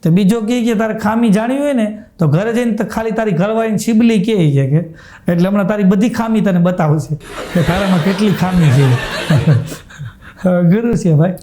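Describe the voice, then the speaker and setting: A stand-up comedian with a Kathiyawadi Gujarati accent tells jokes on a live stage before an audience, chuckling through punchlines and repeating his catchphrases. His high-pitched voice moves briskly over a noisy background.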